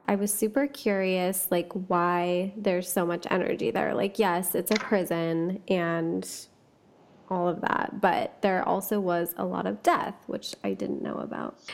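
A woman hosting a chatty podcast, talking casually with lots of fillers and asides and reading ghost stories aloud. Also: medium pitch. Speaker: podcast host.

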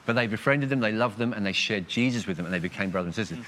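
Low-voiced man, earnest and animated. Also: rapid-fire, a little hiss or hum. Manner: earnest, animated, acts out quoted thoughts. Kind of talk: reflective panel discussion.

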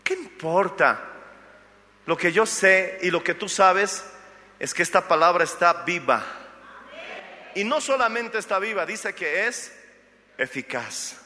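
A man's voice: high-pitched, lively intonation, slow pace, pauses often, pushed and bright, long reverb tail. A man preaching as a pastor, telling a Bible story and acting out its figures' lines, with jokes for the congregation. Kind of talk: sermon.

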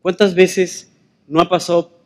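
A man preaches a sermon in a conversational tone with a notably high voice for a man. He keeps putting rhetorical questions to his listeners. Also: flat delivery, measured pace.

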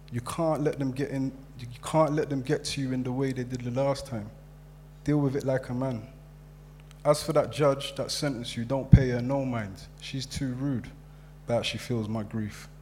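A man's voice: medium pitch, warm tone, slight background noise, lightly acted. A man reading the letter of a worried, churchgoing mother to her jailed son, pleading and anxious. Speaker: reader of letters.

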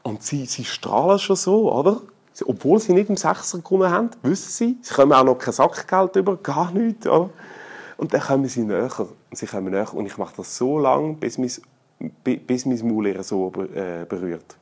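A middle-aged man with a Swiss German accent preaching a sermon in a colloquial, humorous way, swinging between loud calls and hushed, intimate tones. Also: medium pitch, lively intonation, normal speed, breathy edge.

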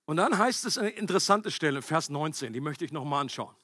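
Male preacher, high and slightly husky, dry close sound; emphatic, chatty sermon delivery. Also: brisk, no room sound. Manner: conversational, emphatic preaching with animated acted-out quotes.

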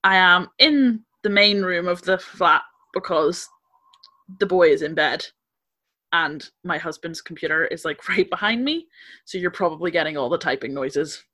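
A woman co-hosting a podcast over a video call from her flat, chatting in a detailed, laughing way. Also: on the low side, normal speed. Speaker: podcast co-host. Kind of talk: casual chat. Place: main room of a flat at night.

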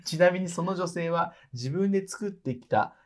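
A man's voice: high-pitched, moderate pace, darkish tone. A man, co-hosting a podcast, reading a listener's letter aloud and teasing his co-host, laughing often.

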